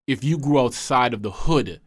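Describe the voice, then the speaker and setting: A man co-hosting a casual podcast discussion, telling stories with emphasis and checking in with "right?". His delivery is rapid, with quick momentum. The sound is dry and close to the mic, with little room reflection. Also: mid-range voice, animated, husky, no echo. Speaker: podcast co-host.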